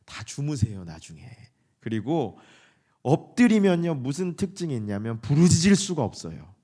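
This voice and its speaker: A man preaching a sermon as pastor, lively and conversational, now and then imitating a flat formal prayer tone. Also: mid-range voice, normal speed. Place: church sanctuary.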